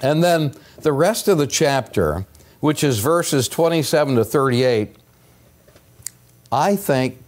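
An older male pastor delivers a sermon at a deliberate, unhurried pace in a mid-range voice. He preaches earnestly, leaning into key words with rising emphasis and letting pauses sit. The sound comes through a pulpit microphone in a church sanctuary. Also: mid-range voice, darkish tone. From United States.

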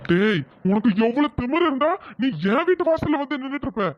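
A man voicing an angry older father in a cartoon, gruff and scolding as he threatens his son-in-law. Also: very high-pitched, lively intonation, fast talker, loud music behind the voice. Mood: furious. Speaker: father of the wife. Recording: dull, dry lo-fi audio.

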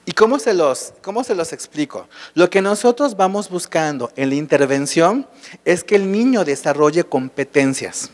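A man with a Mexican accent speaks to a live audience at a state congress, his voice sitting fairly high for a man. He keeps quizzing the room with rhetorical questions as he explains his points. The sound trails off in the long reverb of a large hall. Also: lively intonation, normal speed. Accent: Mexican Spanish. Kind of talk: conference talk to a live audience.

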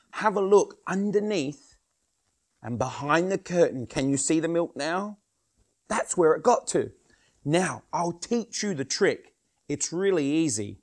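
A young man performing as a kids party magician, with theatrical, teasing patter addressed to children. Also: fairly high pitch.

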